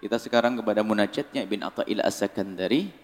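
A man preaching a sermon, lively, acting out people's prayers in a raised voice. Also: on the low side, fast talker. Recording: reverberant hall.

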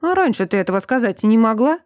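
A woman voicing a gruff, blunt bear-shifter man who grumbles curtly, in an audiobook. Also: mid-range voice, lively intonation, brisk, a little mellow, dry recording, studio quality, lightly acted. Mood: indignant. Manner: curt, grumbling.

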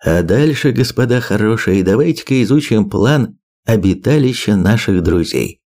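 A man's voice: on the low side, lively intonation, moderate pace, a little mellow, close to an everyday voice. A man voicing a wisecracking, blunt male expedition leader who jokes and talks in slang in an audiobook. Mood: joking. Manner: joking, slangy, mocking.

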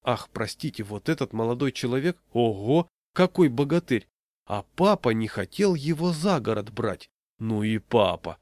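Yashkin, a man doing a loud teasing joker. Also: medium pitch, very animated, moderate pace, no room sound, natural voice. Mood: mock-fussing. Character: jolly joking man, loud and giggly.

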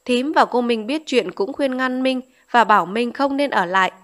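A woman reading a novel aloud as an audiobook narrator, in steady storytelling. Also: a little high, normal speed.

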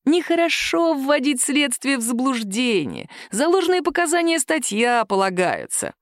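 A woman voicing a calm, caustic male police captain who questions a suspect slowly in an audiobook. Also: high-pitched, dry recording, pitched above the performer's own voice, exaggerated voice. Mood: dry. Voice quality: nagging, dry. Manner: slow, calm, measured interrogation.

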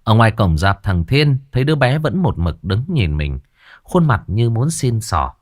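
A man tells a ghost story in an expressive way. His voice is fairly low and rises and falls a lot. The recording is dry and close. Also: moderate pace, no echo. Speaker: narrator.

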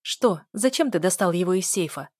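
A woman reading an audiobook voices a furious young woman, shouting bitter and sarcastic lines. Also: fairly low pitch, animated, normal speed, no echo, studio quality.

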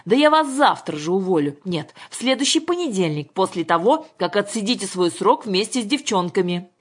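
A woman voicing a stern, angry middle-aged father who barks orders and threatens loudly, with a slightly husky voice. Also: medium pitch, lively intonation, normal speed. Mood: bossy. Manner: blustering, commanding, shouting orders.

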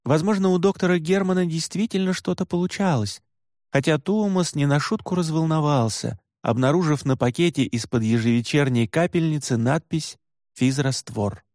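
A male audiobook narrator reading in a measured, steady way. His voice sits somewhat high for a man. It is recorded dry, close to the mic, with no room sound. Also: dry recording. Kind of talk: scripted narration.

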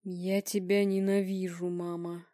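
A woman's voice: fairly low pitch, level tone, warm tone, no room sound, clean studio sound, pitched below the performer's own voice, close to an everyday voice. Будимир, a woman voicing a stony clairvoyant man. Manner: slow, stony, cold. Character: eerie male clairvoyant, stony and accusing.

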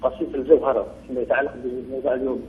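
A man's voice: medium pitch, little pitch movement, racing, a little hiss or hum. Man on a distorted phone line. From Algeria. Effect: distorted, garbled phone line. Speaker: caller. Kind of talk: call-in question to a scholar.

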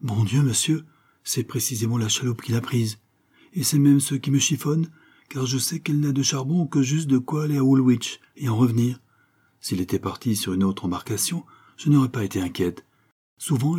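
A stout, red-faced boatman's wife, voiced by a man in an audiobook, fretting aloud and talking on and on. The voice is pitched up and a little husky, with a mellow, soft-edged tone. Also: moderate pace, lightly acted. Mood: worried. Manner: fretful, talkative, pleading. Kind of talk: audiobook character reading.

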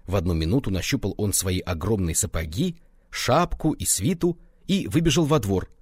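Animated low husky male narrator. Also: moderate pace, no echo, clean studio sound. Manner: animated, reads notes aloud. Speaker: audiobook reader. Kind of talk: expressive scripted narration.

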